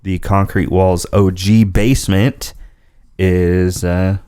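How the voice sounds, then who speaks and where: A young man with a fairly low voice trades loose, rambling banter as co-host of a small podcast. He laughs easily and drifts off mid-thought. The sound is dry and close, taped in a spare-room office. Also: flat delivery, slow pace, warm tone, clean tone, dry recording. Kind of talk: casual banter.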